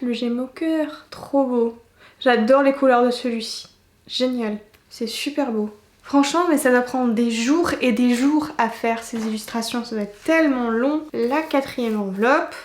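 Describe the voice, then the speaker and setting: A woman's voice: a little high, unhurried, echoey room. A woman in her twenties, chatting casually and with enthusiasm while unboxing, with many exclamations. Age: 20s. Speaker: booktuber.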